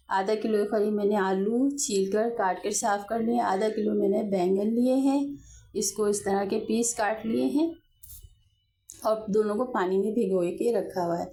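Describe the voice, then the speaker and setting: In her kitchen, a Pakistani home-cooking host with an Urdu-speaking accent chats warmly through a step-by-step demo, frequently fixing her own sentences partway through. Her mid-range voice has a warm tone and a comfortable, homey feel.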